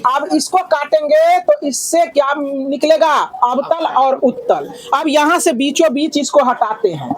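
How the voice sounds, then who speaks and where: High-voiced male teacher drilling a class. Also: expressive, a little slow, few pauses. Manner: loud, repetitive drilling questions to pupils. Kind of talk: classroom lesson with call-and-response. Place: classroom with pupils.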